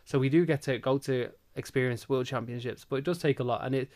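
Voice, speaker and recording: A man's voice: mid-range voice, fast talker, a little mellow. A man from Manchester, a cheerleading club founder and coach, telling his story in a chatty, rambling way in a casual interview. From Manchester, England.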